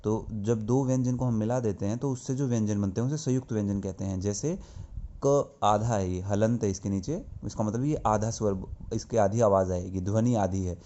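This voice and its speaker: A male teacher talks through a grammar lesson, posing a question and then answering it himself. His voice sits low and mellow. The recording sounds dull and lo-fi. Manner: slow and explanatory, asks questions and answers them himself. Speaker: school teacher. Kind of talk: classroom lesson.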